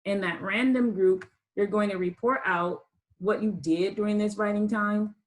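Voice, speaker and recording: A woman's voice: medium pitch, steady tone, normal speed, rough recording. A woman instructor giving a college writing lesson over a video call. She talks with frequent ums and restarts. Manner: hesitant, many ums and restarts. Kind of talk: online class lecture.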